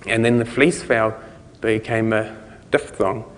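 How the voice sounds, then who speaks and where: A man's voice: lowish voice, steady tone, unhurried, in a large hall. A man giving a conversational conference talk, explaining things step by step. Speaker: conference speaker.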